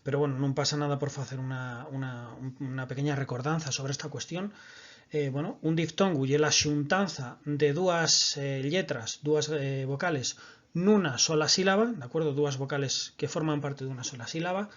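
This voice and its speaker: A man teaches a recorded online language class, patient and methodical. His voice sits slightly high. The recording is dull and lo-fi. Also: moderate pace. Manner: patient explaining, frequent checks with "de acuerdo".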